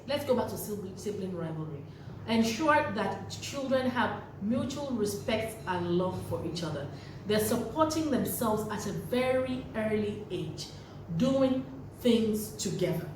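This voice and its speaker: A woman giving earnest, preachy parenting advice to camera, repeating key phrases for emphasis. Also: medium pitch. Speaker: parenting vlogger. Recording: very echoey room, voice from a distance, faint noise.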